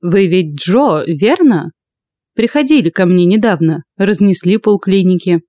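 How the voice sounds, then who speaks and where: A woman voicing a stout, blustering man in an audiobook, speaking in a gruff, measured way. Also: fairly low pitch, animated, mellow, no echo. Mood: suspicious. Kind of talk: audiobook character voice.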